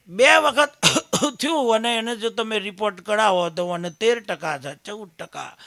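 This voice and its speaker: A man with a Gujarati accent giving a devotional sermon. He preaches loudly, drops into low asides, and chants verses slowly. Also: no room sound. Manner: preachy, swings between loud exhortation and low asides. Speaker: spiritual leader giving a satsang discourse.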